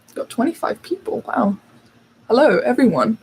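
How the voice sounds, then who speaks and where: A young British host from the United Kingdom chats through a casual livestream, answering viewer questions with lots of fillers. Her voice sits on the high side, dark and husky, with big pitch swings at a moderate pace, and the recording is rough.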